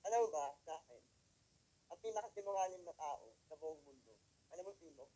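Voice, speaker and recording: A man from the Philippines with a high-pitched voice tells his story to a live audience in an emotional testimony. He speaks straight to the crowd with pointed rhetorical questions. He jumps from loud, emphatic lines to quiet, hushed ones. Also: expressive, fairly quick, low-quality recording. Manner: swings between loud emphatic lines and quiet near-whispers. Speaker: motivational speaker at a company event.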